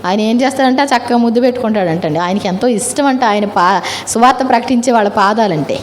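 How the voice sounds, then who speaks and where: A woman preaching a sermon who keeps asking her listeners questions and then answering them herself. Her voice sits a little high for a woman. A faint hiss runs under the recording. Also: quick pace.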